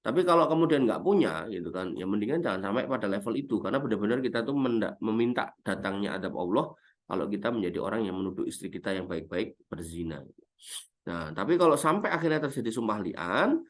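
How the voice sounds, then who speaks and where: A man's voice: lowish voice, expressive, fast talker. A man giving a conversational Islamic study lecture, often adding tag questions as he explains. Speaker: Islamic teacher.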